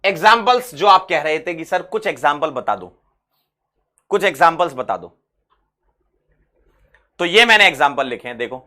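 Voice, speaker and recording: Bright, lively chemistry teacher. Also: male voice, a little high, normal speed, long pauses. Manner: lively, repeats key phrases, asks and answers his own questions. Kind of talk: exam-prep chemistry lesson.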